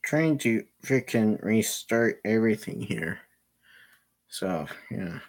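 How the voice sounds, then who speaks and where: A game streamer mutters casual commentary to himself while playing on a livestream, swearing often. His medium-pitched voice is animated but slow-paced.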